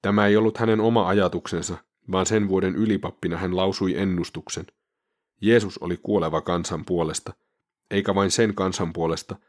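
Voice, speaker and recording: A man reading scripture aloud in a measured, solemn way. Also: deep voice, no echo, studio quality. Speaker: scripture reader.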